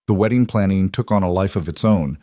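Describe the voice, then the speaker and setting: A man reads a scripted story in an even, measured way. His voice sits on the low side and the recording is dry and close. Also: dry recording. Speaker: narrator.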